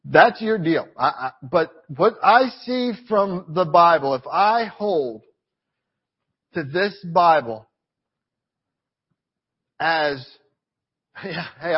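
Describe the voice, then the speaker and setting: A man with a somewhat high, husky voice preaches to his congregation, repeating phrases and asking rhetorical questions. The church recording sounds a little dull and lo-fi. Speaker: pastor. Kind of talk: sermon.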